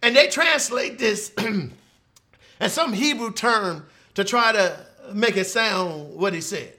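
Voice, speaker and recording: High-voiced, bright preacher. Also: male voice, takes it slowly. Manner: animated, calls on the congregation. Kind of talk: sermon.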